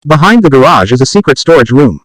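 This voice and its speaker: A man's voice: mid-range voice, very animated, fast talker, no echo, rough recording. A man dictating standalone practice sentences, reading them aloud for an English test.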